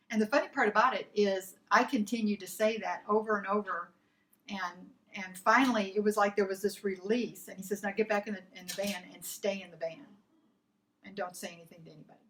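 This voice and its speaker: A woman's voice: medium pitch, brisk, rough recording. A woman telling a personal faith testimony in a casual way, stammering and acting out the voices of her story. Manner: animated, acts out quoted dialogue, stammers and repeats herself.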